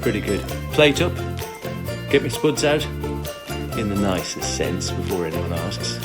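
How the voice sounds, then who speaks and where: A man's voice: on the low side, lively intonation, a little slow, over loud music. A British man casually talking through his cooking in a chirpy, enthusiastic way, full of tag questions and little asides, recorded at home on a phone. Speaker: home cook presenting a recipe video. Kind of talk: casual chat while cooking. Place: home kitchen, filmed on a phone. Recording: clear background noise, kitchen clatter.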